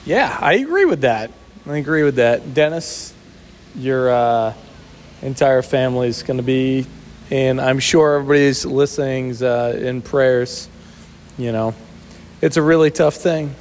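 This co-host's medium-pitched voice is unhurried and a little mellow, with a slight hiss or hum on the recording. He keeps the podcast chat casual and teasing, laid-back and chuckling frequently. Around him is the big echoey reverb of a sheltered outdoor spot.

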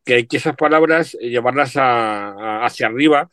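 A man's voice: medium pitch, moderate pace, a bit bright, no room sound, clean studio sound. A middle-aged man chatting reflectively about family words, with frequent asides. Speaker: guest. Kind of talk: casual chat.

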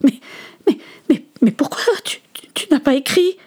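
A woman voicing an angry, tearful boy who shouts at his father. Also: sits high, expressive, moderate pace, voice pushed up. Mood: stunned. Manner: shouting, sobbing outbursts.

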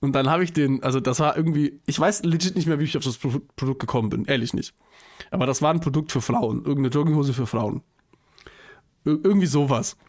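A man's voice: fairly high pitch, quick pace, darkish tone. Young guy rambling on a podcast, keeps correcting himself, laughs a lot, slangy. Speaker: podcast co-host. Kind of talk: casual chat.

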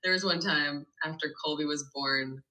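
Bright-voiced, animated woman telling stories. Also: low voice, normal speed, rough recording. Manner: animated, laughs often, acts out quotes. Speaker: podcast guest, mother working in medicine. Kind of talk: casual storytelling chat.

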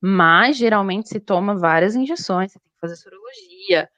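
A young woman, a zookeeper, chatting casually and telling stories in an animated way. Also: mid-range voice, moderate pace, no room sound. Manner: animated storytelling. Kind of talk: casual chat.

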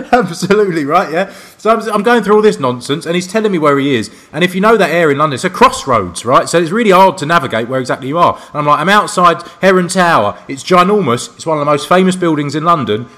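Fast-talking animated man telling a story. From Liverpool. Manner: animated, laughing, jumps into high put-on voices for quotes. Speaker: podcast co-host. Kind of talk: casual storytelling chat.

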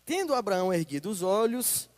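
A man with a Brazilian Portuguese accent preaching a sermon, reading scripture slowly and with emphasis and checking in with the congregation. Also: high-pitched, big pitch swings. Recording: long hall reverb.

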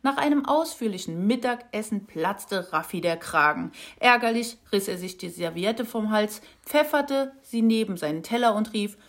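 A woman narrating a children's storybook with an expressive, lively reading. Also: mid-range voice, normal speed, hardly any pauses.

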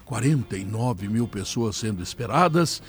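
A man with a southern Brazilian Gaúcho accent hosting a sports radio show, announcing loudly and theatrically like a carnival barker. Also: fairly low pitch, expressive, normal speed. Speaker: sports debate show host. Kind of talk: live radio show hosting with sponsor reads.

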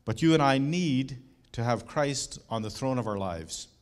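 A middle-aged man delivers a sermon with earnest, emphatic conviction. He leans on rhetorical questions and turns to the congregation with warm personal asides. His voice sits at an ordinary middle pitch for a man. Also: lively intonation, measured pace. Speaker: pastor.

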